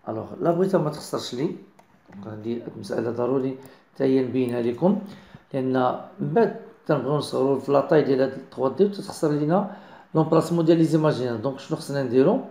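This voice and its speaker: A man with a Moroccan accent giving a software design tutorial, mixing in French words and often checking that viewers follow. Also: mid-range voice, racing, creaky, reverberant. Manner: mixes French into explanations, keeps checking understanding. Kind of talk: screen-recorded software tutorial.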